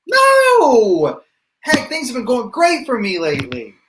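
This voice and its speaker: A man improviser playing a scene, animated and playful in character. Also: very high-pitched, slow pace, noisy background. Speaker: improv player.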